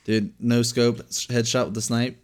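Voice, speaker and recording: A young man co-hosting a casual chat podcast, rambling through stories and acting out other people's lines loudly. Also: mid-range voice, flat delivery, normal speed. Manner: rambling storyteller, acts out voices loudly. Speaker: podcast co-host.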